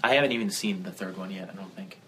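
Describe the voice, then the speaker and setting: A man with a Buffalo, New York accent, co-hosting a podcast in casual chat with joking, deadpan asides. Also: low voice, fast, slight background noise. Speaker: podcast co-host.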